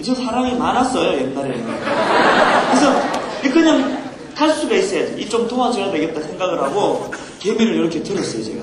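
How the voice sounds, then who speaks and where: A man's voice: high voice, big pitch swings, brisk. A male pastor preaching to young people at a retreat, playful and teasing, telling a comic story and drawing the crowd in. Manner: playful, teasing, talks with the audience. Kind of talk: comic youth sermon storytelling. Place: large hall at a youth retreat. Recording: echoey hall with crowd noise, old recording. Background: audience laughter.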